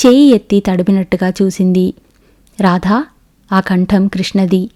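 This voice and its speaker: A woman narrating an audiobook novel in a steady, even storytelling manner. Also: medium pitch.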